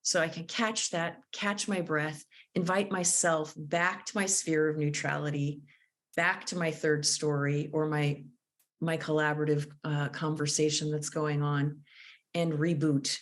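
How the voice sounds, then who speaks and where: A woman's voice: sits low, flat delivery, unhurried. A woman leading a live online workshop on conflict mediation, speaking in a thoughtful, coaching way and sometimes searching for her words over a video call.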